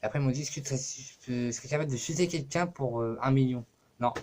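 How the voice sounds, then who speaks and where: A man's voice: mid-range voice, fast, darkish tone. A man talking casually to his camera for his own channel, rambling and cursing with many fillers. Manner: rambling, profane, full of fillers. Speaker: YouTuber.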